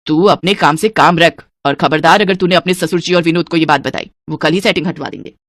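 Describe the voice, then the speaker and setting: A woman's voice: low voice, fairly quick, no room sound, studio quality. A woman voicing a stingy, scheming old mother-in-law in a cartoon, with a scolding, penny-pinching manner.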